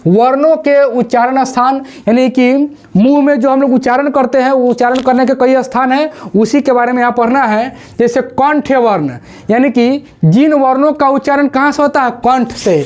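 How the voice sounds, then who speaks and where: Grammar teacher, female, high voice, slow drilled pronunciation for exam prep. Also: a little mellow. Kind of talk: exam-prep classroom lesson. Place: classroom with a board.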